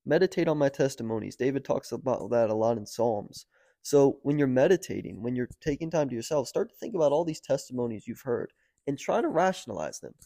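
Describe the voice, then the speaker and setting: Young American man, podcast guest, casual storyteller; dry close mic, gets animated and loud at the peaks. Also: fairly quick, vocal fry, no echo. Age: young adult. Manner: animated, rising to near-shouting at high points, lots of "like" and "dude".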